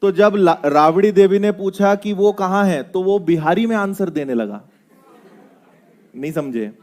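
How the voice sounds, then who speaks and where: A man with a high, light voice lectures to a classroom. He keeps it playful, firing quick questions at the students and joking as he explains. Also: darkish tone. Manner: playful, quizzing students with rhetorical tags. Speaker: teacher.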